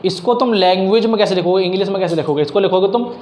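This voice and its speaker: High-voiced man tutoring math. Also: rapid-fire, darkish tone. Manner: explains step by step, mixes English math terms into speech. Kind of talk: casual classroom teaching. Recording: echoey room, faint background noise.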